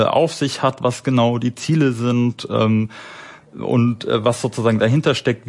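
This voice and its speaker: A man's voice: medium pitch, a little mellow. A man hosting a radio show in a studio, speaking in long, rambling sentences. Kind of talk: casual radio presenting. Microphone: studio microphone.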